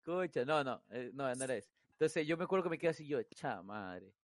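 A man's voice: a little high, fast, no echo, clean studio sound. A young man, telling anecdotes in a casual chat with friends and acting out what people said. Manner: lively storyteller, acts out what people said.

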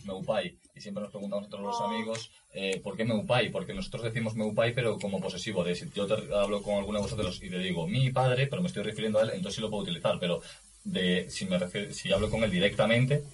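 A male radio host from Galicia chatting casually on air, quick and full of fillers and asides. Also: fairly low pitch, fairly even intonation. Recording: distant mic with faint background noise.

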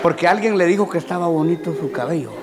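A man preaching a sermon in a church hall, swinging from loud shouting to quiet asides, calling his listeners "brother" with folksy humor. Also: a little high, fast, noisy background. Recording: long hall reverb, faint crowd.

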